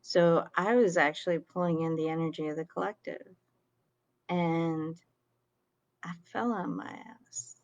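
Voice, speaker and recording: A woman's voice: sits low, measured pace, a little mellow, no echo, muffled recording. A woman telling a story casually to her viewers, chatty and full of fillers and laughs. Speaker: sound healer and card reader.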